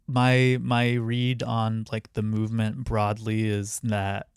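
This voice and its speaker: Low-voiced hesitant young man. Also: monotone, slow, smooth, dry recording, clean studio sound. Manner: hesitant, full of "like" and restarts. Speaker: podcast co-host. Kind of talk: casual chat.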